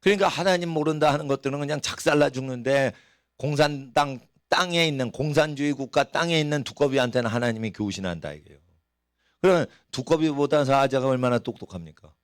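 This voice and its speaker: A man's voice: medium pitch, fairly quick, no echo, studio quality. Folksy middle-aged male pastor preaching. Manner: folksy, acts out voices of people and animals in his stories. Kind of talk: sermon. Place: church.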